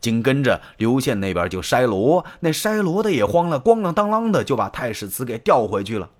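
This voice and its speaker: Lively male storyteller, dramatic, colloquial, wide-ranging pitch. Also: fairly quick. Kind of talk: traditional pingshu storytelling.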